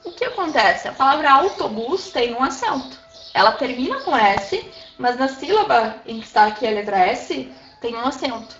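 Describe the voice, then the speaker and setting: A woman's voice: sits high, lively intonation, moderate pace, a bit bright, a little hiss or hum. A Brazilian woman teaching a Spanish class, explaining patiently and often checking in with her students. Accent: Brazilian Portuguese. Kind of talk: recorded class lesson. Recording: echoey room, dull lo-fi sound.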